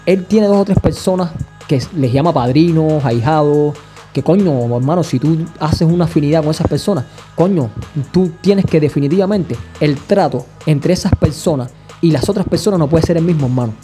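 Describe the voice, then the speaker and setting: A man hosting a podcast, giving measured, analytical commentary and often checking in with the listener. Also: on the high side, lively intonation, warm tone, soft background music. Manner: measured, analytical, often asks "you know?". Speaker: podcast host. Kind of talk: opinion commentary.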